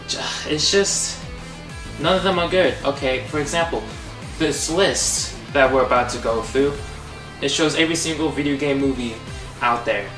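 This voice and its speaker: A young man, sounding distant and echoey with clear guitar music beneath him, hosts a comedic movie review. His voice is mid-pitched, sarcastic and exasperated, at normal speed.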